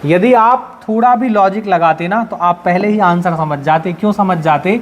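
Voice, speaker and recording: A man's voice: high-pitched, moderate pace, highs cut off. A male teacher from central India giving a classroom lecture, explaining step by step with everyday examples and constantly asking his students questions.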